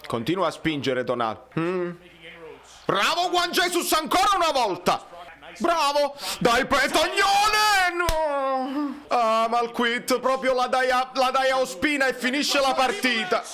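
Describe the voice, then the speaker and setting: A man with a Neapolitan accent hosts a live fan reaction to a match. His voice sits very high and sounds sharp and bright. He gets excitable, shouts and repeats words over and over. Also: measured pace. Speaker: fan channel host.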